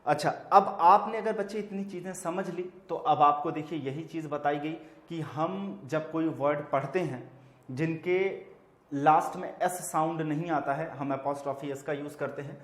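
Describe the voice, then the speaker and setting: A man's voice: fairly high pitch, normal speed, roomy sound. A man teaching English grammar with an Indian accent. He repeats terms for emphasis and calls his students children. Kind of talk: classroom lecture.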